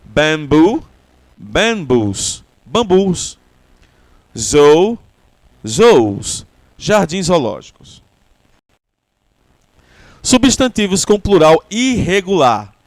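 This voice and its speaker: A Brazilian man with a Brazilian Portuguese accent, teaching an English lesson at an unhurried pace. His pitch sits a little high and swings widely as he stresses each example word. The sound is dry and close. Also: very animated, no room sound. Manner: slow, deliberate explanation with repeated example words. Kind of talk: language lesson.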